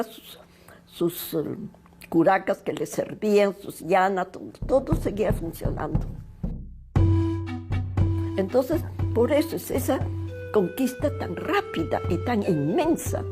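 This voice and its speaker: A woman historian explaining things thoughtfully in an interview, with small hesitations. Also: fairly high pitch.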